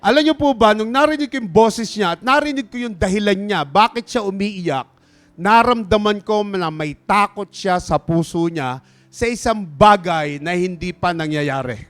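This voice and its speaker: A man's voice: sits high, moderate pace, fairly bright tone. A man preaching a sermon in a church, telling a story and often asking the congregation for an amen. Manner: storytelling, asks the congregation for amens. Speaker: pastor.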